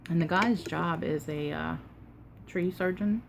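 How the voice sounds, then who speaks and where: A woman tells a casual, unhurried story while eating, pausing to chew and sometimes talking with her mouth full, with emphatic retelling. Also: lowish voice, gravelly, a little hiss or hum. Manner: unhurried, conversational, emphatic retelling with quoted exchanges. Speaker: mukbang vlogger.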